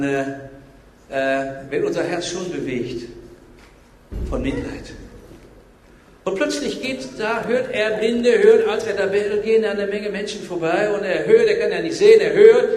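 Emphatic preacher in an echoing church. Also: male voice, high voice, moderate pace, a little hiss or hum. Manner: emphatic repetition, addresses listeners directly. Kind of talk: sermon. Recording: echoey hall reverb.

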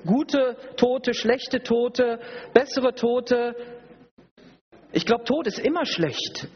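Man preaching, high voice, husky, slow and emphatic, long hall echo, dull sound. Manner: emphatic, repetitive preaching with rhetorical questions. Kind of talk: sermon. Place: church service hall. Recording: dull recording in a reverberant hall.

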